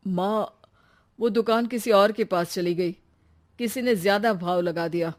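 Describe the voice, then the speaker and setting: A woman voices a young husband in a cartoon family tale. The voice sits at a middling female pitch and talks plainly, argumentative and quick to get exasperated. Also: lightly acted. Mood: dejected. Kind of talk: animated moral-story dialogue.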